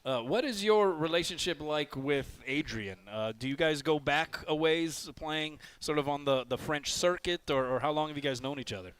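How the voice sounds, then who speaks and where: A man's voice: fairly high pitch, normal speed, hardly any pauses, a bit bright, smooth. A man hosting a sports radio show, asking interview questions in a friendly way, often leading with "uh" or "um". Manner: friendly, filler-led questions. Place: restaurant livestream.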